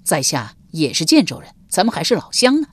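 A woman's voice: rumbling low, big pitch swings, normal speed, slightly rough, exaggerated voice. A woman reader voicing a twenty-year-old male scholar who is eager, polite and begging in an audiobook. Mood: ingratiating. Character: young male scholar, 20, frightened and pleading. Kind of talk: audiobook character voice.

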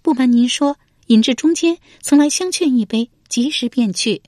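A woman voicing a shrill, defiant young noblewoman. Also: moderate pace, darkish tone, dry recording, clean studio sound. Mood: evasive. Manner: shrill and pleading, rising into wails. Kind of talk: Chinese historical novel reading.

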